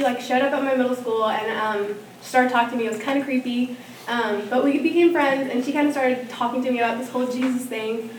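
A young woman, a student, telling her personal faith story in a casual way, with many ums and likes. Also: on the high side. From Norman, Oklahoma. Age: young adult. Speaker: student giving testimony. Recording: echoey room, from far off, faint hiss.

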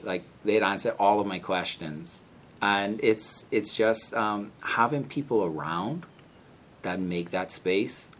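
A man with a low voice and a Bahamian accent talks as an interview guest. He is reflective and feels his way through phrases, repeating words. A faint rumbling noise sits in the recording. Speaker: podcast guest, senior scientist. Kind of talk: conversational interview.

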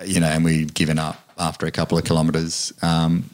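Deep-voiced middle-aged man, dry self-mocking humour, easygoing chat. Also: monotone, a little fast, a little hiss or hum. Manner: wry, self-mocking, chuckles between lines. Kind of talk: casual chat.

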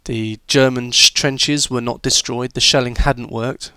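A man's voice: medium pitch, steady tone, unhurried, bright, forceful tone, clear, resonant tone, no room sound. A man talking students through a history lesson in a chatty, informal way, with fillers and restarts. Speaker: history teacher.

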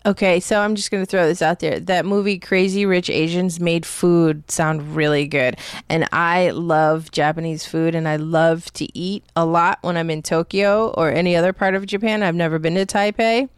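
A woman's voice: lowish voice, fairly even intonation, normal speed, smooth, no room sound, studio quality. A woman co-hosting a podcast in casual chat, upbeat and laughing often. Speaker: podcast co-host.

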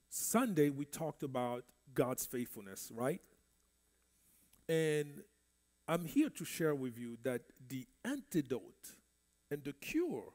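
In a church Bible study, a Congolese minister whose first language is French speaks in a mid-range, slightly mellow voice. He preaches in a conversational manner and repeats words.

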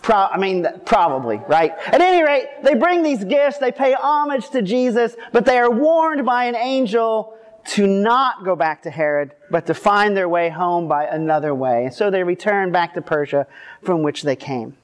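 Guy pastor at a pulpit mic, kinda high voice, explaining scripture in a casual way. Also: animated, normal speed. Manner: informal, explanatory, lightly humorous. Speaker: pastor or preacher. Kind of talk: scripture reading and conversational sermon. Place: speaking to a seated congregation at a church service.

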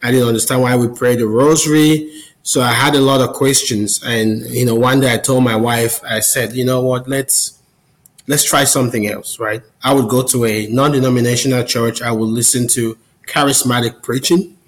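A man in his forties from Cameroon speaks as a guest over a video call. His voice sits at an ordinary middle pitch, and his delivery is friendly and earnest. He talks through a long personal story at an easy conversational pace. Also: fairly even intonation, normal speed, low-quality recording. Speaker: podcast guest. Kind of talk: casual interview storytelling.

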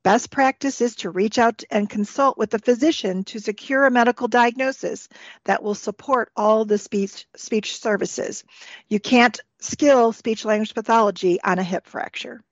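A woman's voice: on the high side, normal speed, no room sound. A woman giving formal, scripted instruction as the expert on an educational podcast. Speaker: expert guest. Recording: dull, lo-fi podcast audio.

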